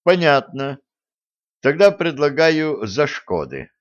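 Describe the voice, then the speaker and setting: A man reading an audiobook voices a quick-witted young man, a royal gossip, with a wry, bargaining manner, on a dull lo-fi recording. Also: a little high, sing-song, voice pushed up. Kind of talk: audiobook character voicing.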